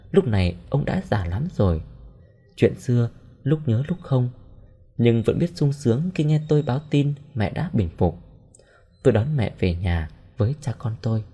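A man reading the part of a sorrowful young man who quietly recounts his family's tragedy, in a storybook reading. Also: fairly low pitch, breathy edge. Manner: subdued, mournful.

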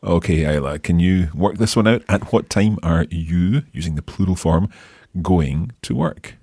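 Deep-voiced man teaching Italian. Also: a little slow, dark tone, no room sound, clean studio sound. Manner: clear, patient explaining. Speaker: language teacher, host. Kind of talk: language lesson podcast.

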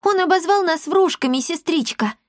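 A woman's voice: on the high side, lively intonation, normal speed, dry recording, studio quality, voice pushed up, lightly acted. A woman voicing a feisty, indignant little girl in a storybook reading.

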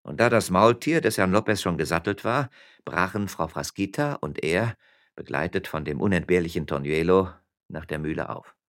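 A man narrating a story in an expressive, theatrical reading. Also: deep voice, normal speed. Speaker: audiobook narrator.

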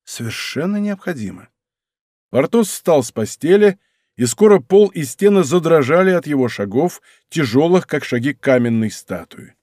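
A man reading a novel aloud as audiobook narrator, measured and expressive. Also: fairly high pitch, no room sound, studio quality. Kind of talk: scripted narration.

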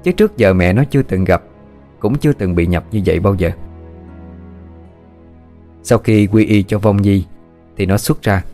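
A man telling a ghost story in a calm, even narration. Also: on the low side, normal speed, pauses often, soft background music.

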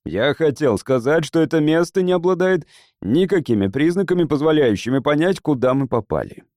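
A man's voice: a little high, lively intonation, a little mellow, no room sound, clean studio sound, close to an everyday voice. A man playing a determined English politician. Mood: persuasive. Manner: measured, persuasive speechmaking.

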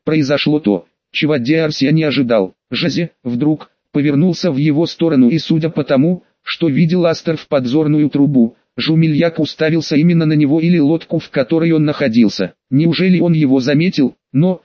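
A man narrating a fantasy audiobook with a steady, even reading. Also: on the high side, brisk, few pauses, dry recording, muffled recording.

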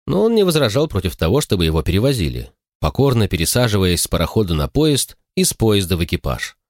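A man narrating an audiobook in an expressive storytelling manner. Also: lowish voice, fast, no echo, clean studio sound. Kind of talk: scripted narration.

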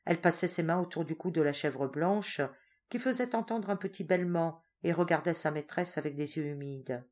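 A woman reading a storybook audiobook as narrator, in an expressive, steady storytelling manner. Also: low-pitched, moderate pace. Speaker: audiobook reader. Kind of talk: scripted narration.

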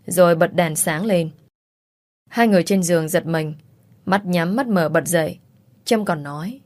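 A woman's voice: on the low side, a little mellow. A woman narrating a romance story and reading every character's lines in much the same voice. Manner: reads all characters in one voice.

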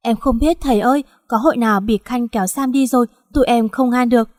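A woman's voice: fairly high pitch, fast, darkish tone, in a large hall, lightly acted. Woman doing a tearful teenage girl, storybook reading. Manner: pleading, sobbing. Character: teenage schoolgirl bully, now tearful.

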